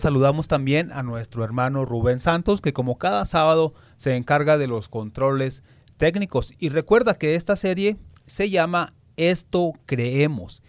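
Higher-voiced man hosting children's radio, dry sound. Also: no echo. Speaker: host of a children's religious radio program. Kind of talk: children's radio show presenting.

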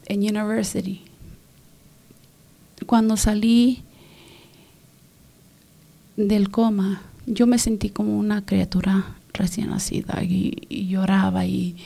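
A woman whose first language is English, giving an earnest personal faith testimony in an interview. She speaks softly and often drops into a whisper. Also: mid-range voice, little pitch movement, takes it slowly, vocal fry, long pauses. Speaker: interview guest.

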